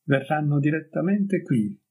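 A man reading the lines of a gentle, mysterious young noblewoman in an audiobook story, in a soft, dreamy and dignified way. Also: on the high side, expressive, a little slow, breathy edge, heavily acted, rough recording.

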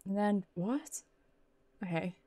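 A British woman streams a game with casual, playful live commentary, talking to herself, reading dialogue aloud, giggling, and swearing mildly. Her medium-pitched voice is expressive, slow, and dark in tone, with game music playing behind her.

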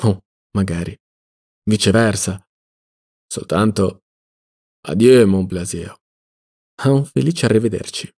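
A man reading an audiobook, voicing a cynical, mocking middle-aged male libertine in a low, soft drawl. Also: takes it slowly, pauses often, breathy edge, exaggerated voice. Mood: sneering.

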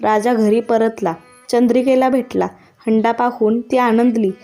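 A woman narrating a devotional tale in a steady, scripted storytelling voice. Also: on the high side, a little slow, faint music behind.

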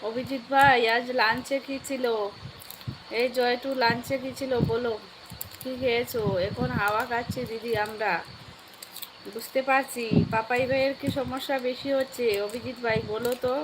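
A woman with a sore, hoarse throat, chatting live with viewers and asking warmly after them. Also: on the high side, little pitch movement, moderate pace, background noise. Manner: caring, asks viewers how they are. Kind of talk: casual live chat reading viewer comments.

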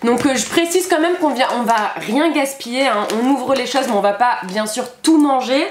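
A woman hosting a casual food-tasting vlog with her child, playful and animated, laughing often. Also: on the high side, normal speed. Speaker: vlog host, mother. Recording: echoey room with background noise.

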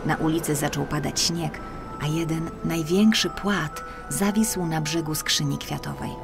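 Over music, a woman reads a children's fairy tale as an audiobook narrator, expressive and deliberate. Her voice sits low and has a creaky quality.

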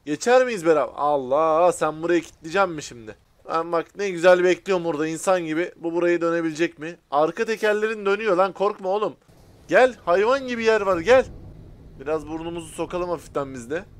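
Male gaming host with a high voice, cursing and yelling at other drivers, then explaining things straight to the viewers. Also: fast, clear, resonant tone. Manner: excitable and profane, shouting at other drivers; talks directly to viewers. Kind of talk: casual gameplay commentary.

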